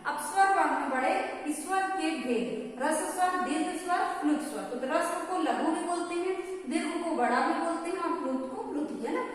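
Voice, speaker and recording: A woman's voice: very high voice, normal speed. A woman teaching a grammar lesson to a class, often stopping to ask whether everyone has understood. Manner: checks understanding with repeated questions. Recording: echoey room, mic far off, faint noise.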